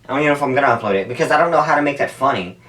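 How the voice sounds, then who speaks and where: With a medium-pitched, expressive and somewhat bright voice, this man races through a casual, profane ramble to camera. He's a YouTuber known for stunt videos, sitting in an ice bath indoors at home, and the sound comes from a distant, off-mic camera.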